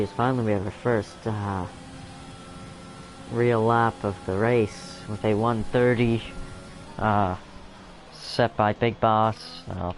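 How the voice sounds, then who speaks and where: A man's voice: on the low side, a little hiss or hum, low-quality recording. A young man giving live commentary on a sim-racing league, rambling with many fillers and self-corrections. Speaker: race commentator.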